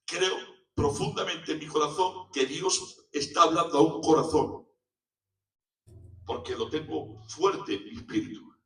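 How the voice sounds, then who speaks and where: A man with a Spanish accent preaching a sermon in a church, fervent, swinging from hushed storytelling to loud shouting. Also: fairly high pitch, unhurried, roomy sound, recorded from a distance, rough recording.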